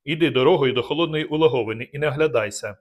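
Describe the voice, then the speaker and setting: A man voicing a grim male peasant rebel who speaks low and curt in an audiobook. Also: very fast, close to an everyday voice. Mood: stern.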